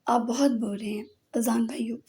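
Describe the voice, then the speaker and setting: A woman's voice: on the high side, steady tone, normal speed, dark tone, natural voice. A woman voicing a pampered, sulky young girl in an audiobook novel, with a whiny, pouting manner.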